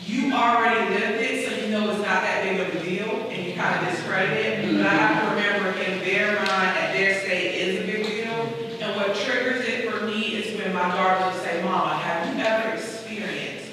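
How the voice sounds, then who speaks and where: A woman's voice: medium pitch, steady tone, moderate pace. A woman around her thirties or forties sharing personal experience at a community discussion. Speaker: audience participant, a mother. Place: large reverberant room at a public discussion. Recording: very echoey noisy hall, distant mic.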